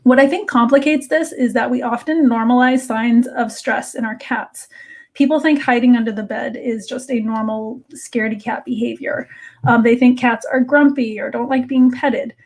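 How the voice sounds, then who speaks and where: Woman presenting, in a higher-pitched voice. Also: fairly even intonation, moderate pace. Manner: conversational, explanatory. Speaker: cat behavior expert giving a presentation. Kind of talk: educational talk with slides.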